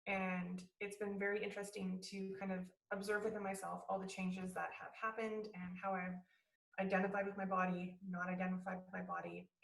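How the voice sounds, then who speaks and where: A woman in her thirties talks in an easygoing, searching way and often pauses on fillers. Her voice has a heavy gravelly fry. She sounds distant from the mic in a roomy, echoing space. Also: mid-range voice. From Canada. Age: 30s. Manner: relaxed and searching, with frequent fillers. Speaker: guest speaker, athlete. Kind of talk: conversational talk. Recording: echoey room, distant mic.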